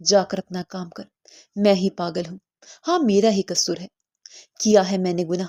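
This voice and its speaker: A woman's voice: medium pitch, fairly even intonation, darkish tone, close to an everyday voice. A woman voicing a distraught young village daughter who insists she is innocent, pleading and bitter.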